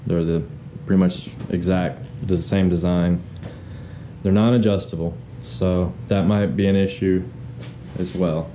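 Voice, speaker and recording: A young man talking casually about his motorcycle, filling pauses with ums, recorded on an action camera. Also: low-pitched, dull audio. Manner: relaxed, with frequent ums. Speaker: motorcycle vlogger. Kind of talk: casual vlog narration. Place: garage, then inside a truck on the road. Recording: camera mic with road and engine noise.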